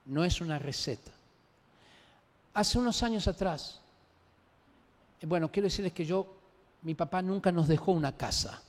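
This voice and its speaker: A man preaching a sermon, telling a personal story in an animated, emphatic way. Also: sits high, normal speed, long pauses. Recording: long reverb of a large hall.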